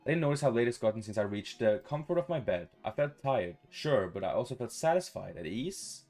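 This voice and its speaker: With soft background music playing, a man reads a visual novel aloud for a gaming video at a fairly quick pace and medium pitch. His delivery is casual, expressive and full of swearing, peppered with his own playful reactions.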